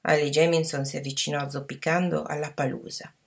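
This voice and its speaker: A woman narrating a story in an even, measured reading voice. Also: deep voice, vocal fry. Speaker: audiobook narrator.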